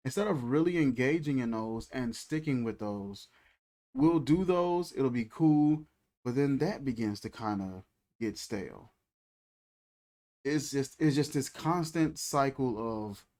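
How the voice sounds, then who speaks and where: Reflecting on faith in a casual, conversational way, a man in his thirties who runs a faith channel repeats phrases as he goes. His voice sits at medium pitch and is a little mellow.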